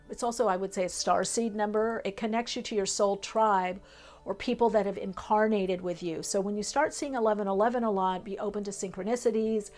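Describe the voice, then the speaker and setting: A woman's voice: medium pitch, darkish tone. A woman giving a tarot reading for viewers, her voice sitting in an ordinary middle register. She talks in a flowing, spiritual way, running through long lists with small fillers. Light music plays faintly under her. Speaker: tarot reader.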